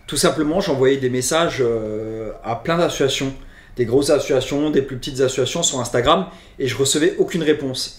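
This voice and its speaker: A man from Luxembourg with a Luxembourgish accent answers fan questions in a relaxed Q&A chat, often restarting his phrases. His voice is mid-range, and the recording is reverberant.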